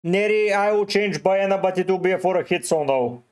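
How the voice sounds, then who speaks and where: A man from Bulgaria with a Bulgarian accent, live streaming and slowly answering viewers' questions one by one. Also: high voice. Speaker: fantasy football streamer. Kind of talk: live stream chat, reading comments.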